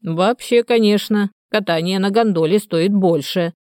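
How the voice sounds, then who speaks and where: A woman voicing a hoarse, half-drunk old male canal watchman who grumbles slowly and muses aloud. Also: medium pitch, darkish tone, no room sound, clean studio sound, close to an everyday voice. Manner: grumbling, slow and musing.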